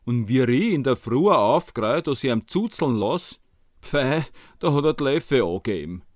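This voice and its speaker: A man's voice: mid-range voice, big pitch swings, normal speed, no room sound, clean studio sound. A man with a Viennese accent telling a tale as a storyteller, in colloquial, slangy dialect.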